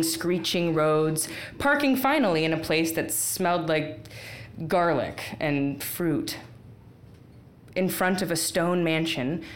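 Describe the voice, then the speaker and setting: Slow, low-voiced woman telling a story. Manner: wry, unhurried, deadpan asides. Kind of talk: live storytelling performance.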